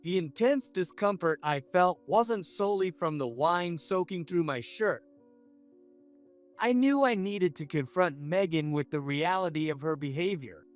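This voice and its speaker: A man narrating a scripted first-person story in an even, measured way. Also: high voice, faint music behind.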